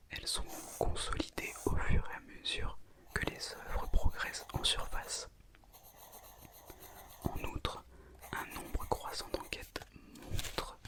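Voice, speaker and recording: A woman reads an educational script in an intimate, unvoiced ASMR whisper.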